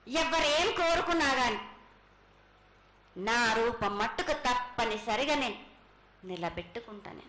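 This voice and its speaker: A woman delivers prophetic trance pronouncements in a high, sharp, forceful voice. She commands like a mother goddess addressing her children, in halting, repeated phrases. The recording is echoey with faint noise behind it. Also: lively intonation. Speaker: oracle speaking as a mother goddess to devotees. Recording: echoey, faint background noise at public ritual.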